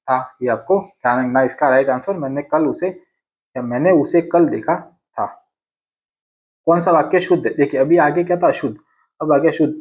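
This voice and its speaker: A man runs through grammar questions for an exam class. He has a slightly high voice and talks in a casual, repetitive way, asking a question and then answering it himself. The sound is dull and lo-fi. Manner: repeats sentences aloud, asks and answers his own questions. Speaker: exam prep teacher.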